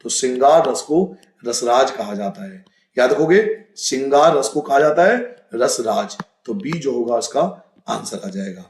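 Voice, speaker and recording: A man's voice: medium pitch, animated, a little mellow, reverberant, rough recording. A male teacher working through a school exam paper, explaining answers and repeating the key points. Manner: explains patiently, repeats key points, reads passages aloud slowly. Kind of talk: exam-prep lesson.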